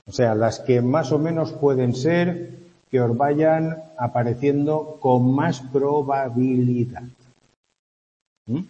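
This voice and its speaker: A man's voice: medium pitch, slow pace. A man from Spain lecturing a class as a teacher, explaining step by step and often checking in with a questioning hum. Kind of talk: classroom lecture on Latin abbreviations. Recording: dull lo-fi sound in a reverberant hall.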